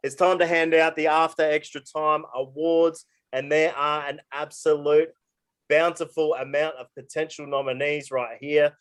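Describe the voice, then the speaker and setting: A man's voice: fairly high pitch, no echo. A man hosting a podcast, introducing segments in an upbeat, announcer-like way. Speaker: podcast host.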